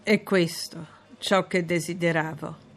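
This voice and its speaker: A woman's voice: lowish voice, steady tone, measured pace, lightly acted. A woman reading aloud and voicing a grim, bitter man, the master of the house.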